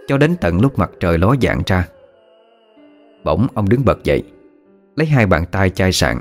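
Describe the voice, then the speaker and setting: Male storyteller, low register with animated pitch, dramatic ghost-story narration. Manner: dramatic, hushed suspense. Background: faint music.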